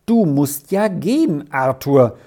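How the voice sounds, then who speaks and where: An anxious, pleading old housekeeper from a storybook, put on by a female reader. She talks with slow, soft urgency in a dark, mellow tone, pitched a little above the reader's own low voice. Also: expressive, exaggerated voice. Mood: worried pleading.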